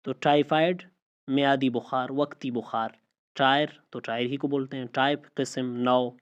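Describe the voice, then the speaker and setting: A man teaching English pronunciation, saying example words slowly and repeating each one. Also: mid-range voice, steady tone, clear, resonant tone. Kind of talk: spoken language lesson. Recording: slightly dull lo-fi audio.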